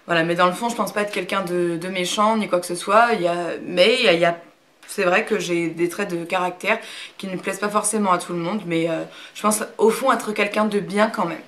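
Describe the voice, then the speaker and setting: A woman's voice: on the low side, steady tone, a little fast, a bit bright. A woman in her thirties from Brittany, talking to camera in a casual, hesitant way with lots of fillers, frank and reserved. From Brittany, France. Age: 30s. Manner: hesitant, many fillers and restarts. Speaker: YouTuber. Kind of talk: casual talk to camera, answering a question tag.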